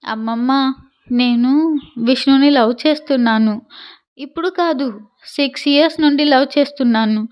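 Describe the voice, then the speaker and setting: A woman's voice: high voice, clear, resonant tone, lightly acted. A woman voicing a lovesick, tearful young granddaughter who speaks hesitantly, in a storybook reading. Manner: hesitant, pleading. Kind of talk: storybook narration with voiced dialogue.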